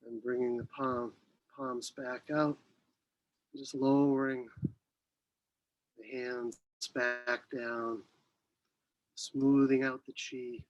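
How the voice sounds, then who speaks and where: Guy leading qi gong, calm serene cues, real slow and level, lots of pauses between phrases. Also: medium pitch, lo-fi sound. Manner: serene, unhurried meditative cueing with long pauses. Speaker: qi gong instructor. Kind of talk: guided qi gong movement and breathing cues.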